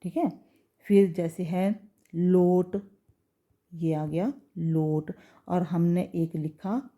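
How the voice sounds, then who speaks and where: A woman teacher giving a patient pronunciation lesson, saying words slowly and checking that pupils understand. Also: lowish voice, mellow.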